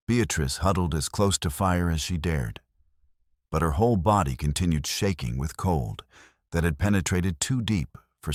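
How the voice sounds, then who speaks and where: A man narrating a scripted frontier story in a measured, even way. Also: deep voice, no room sound, clean studio sound.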